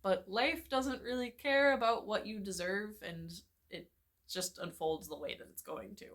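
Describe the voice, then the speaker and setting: A woman's voice: mid-range voice, unhurried, a bit bright. A young woman narrating a vlog in a reflective, candid voice-over. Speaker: vlogger.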